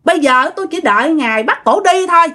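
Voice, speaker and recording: Brief: a woman playing a possessive male soldier ghost with a Mekong Delta accent, pitched high and shrill, taunting and insistent. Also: animated, quick pace, bright, forceful tone, heavily acted. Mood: boastful. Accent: Southern Vietnamese (Mekong Delta). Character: spirit of a dead male soldier, possessive and defiant.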